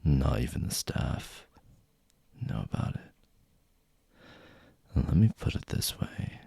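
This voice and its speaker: Casting: male actor as taunting young bully for whispered role-play; very husky, slow-paced, gravelly, teasing and intimate delivery. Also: a bass voice, big pitch swings, dark tone, no room sound, full character voice. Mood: taunting, challenging.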